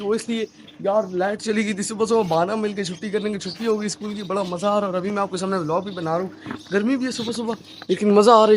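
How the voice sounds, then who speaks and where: Teenage male pet vlogger, high-pitched, excitable and chatty, outdoors on a phone with faint birdsong behind. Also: a little hiss or hum. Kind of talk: casual vlog. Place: rooftop with bird cages, outdoors. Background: birds chirping.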